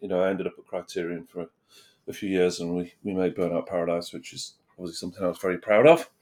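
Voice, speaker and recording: A man's voice: sits low, steady tone, fast, a little mellow. A middle-aged man with a British accent, chatting casually as a guest in an interview. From United Kingdom. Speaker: interview guest, game developer. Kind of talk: casual chat.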